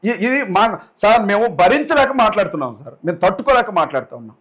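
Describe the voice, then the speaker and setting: A man giving an interview as a guest, speaking forcefully and indignantly, repeating his points and addressing the interviewer respectfully. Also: high-pitched, sing-song, fast talker. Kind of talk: heated interview talk.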